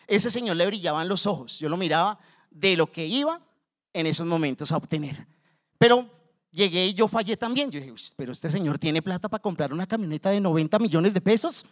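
A man with a Colombian accent telling a personal story from his days selling cars, in an animated way. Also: high-pitched. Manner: lively, animated retelling, acts out the scene. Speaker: former car salesman telling his story.

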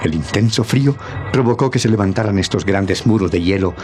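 An actor playing a noble, grave hero in an old radio serial, speaking in a solemn, formal, theatrical way. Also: male voice, fairly low pitch, a little fast, music in the background, lightly acted. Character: noble, grave adult male hero, calm and defiant.

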